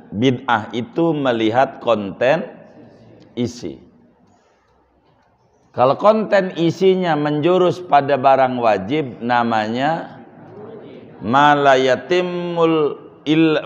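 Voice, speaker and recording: A male Islamic preacher, giving a religious lecture and teasing the audience with questions. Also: on the high side. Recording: dull lo-fi sound in a reverberant hall.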